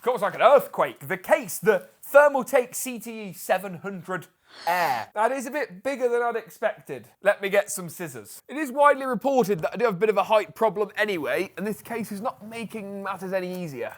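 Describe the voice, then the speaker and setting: Lively chatty woman building a PC. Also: mid-range voice, fairly quick. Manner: chatty, self-deprecating, thinking aloud. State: slightly out of breath. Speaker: PC build presenter. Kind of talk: casual build guide narration.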